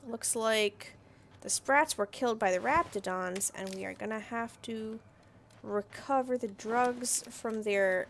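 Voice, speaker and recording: Woman streamer doing dry game commentary, slow and gravelly voice, faint noise behind. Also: on the high side. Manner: dry, wry asides. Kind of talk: casual gameplay commentary.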